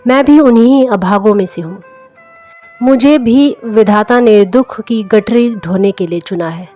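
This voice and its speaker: This audiobook-style narration features a woman reading a literary story from a script in a fairly high, warm voice, taking her time. The recording is muffled, and music plays in the background beneath her.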